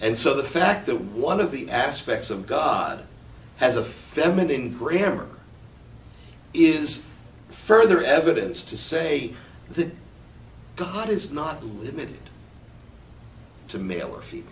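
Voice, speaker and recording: A man teaching from scripture in a slow, reflective way, explaining the meaning of Hebrew words. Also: medium pitch, big pitch swings. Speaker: Bible teacher. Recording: echoey room, mic at a distance, faint background noise.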